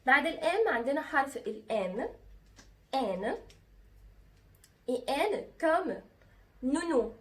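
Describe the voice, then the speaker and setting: Egyptian-accented woman, patient teacher, slightly high voice, miked from a short distance. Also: big pitch swings, fairly bright tone. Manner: patient, spells out letters slowly and repeats sounds. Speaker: French teacher. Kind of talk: teaching lesson.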